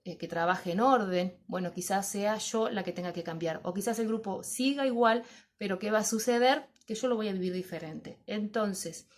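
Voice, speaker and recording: A woman's voice: medium pitch, normal speed. A middle-aged woman talks to fellow teachers in a loose, thoughtful way. She keeps posing questions to herself and answering them as she guides her listeners. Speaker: teacher trainer.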